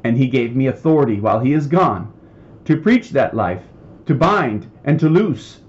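A man's voice: mid-range voice, expressive, normal speed, darkish tone, muffled recording. A man preaching a heated, emphatic podcast sermon, getting worked up as he talks.

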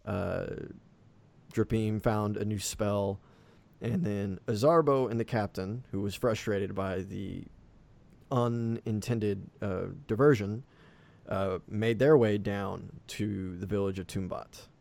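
A man's voice: fairly low pitch, takes it slowly, vocal fry, darkish tone. A man running a tabletop game as game master, narrating loosely with many fillers.

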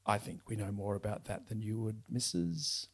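A man's voice: on the low side, lively intonation, normal speed, vocal fry, breathy edge, exaggerated voice. A man voicing a snide, condescending middle-aged police sergeant. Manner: sneering, condescending.

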